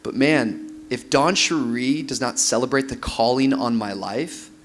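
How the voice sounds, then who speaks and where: Pastor, male, 30s, lively panel speaker, medium pitch. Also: unhurried, soft background music. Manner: animated, laughs while mimicking couples. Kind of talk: conference panel talk. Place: large room with audience on stage.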